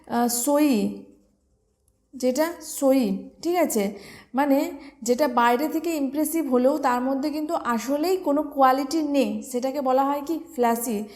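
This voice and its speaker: High-voiced Bengali woman teaching vocabulary. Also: a little mellow. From West Bengal, India. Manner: explains step by step, spells words letter by letter, asks and answers own questions. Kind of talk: exam-prep vocabulary lesson.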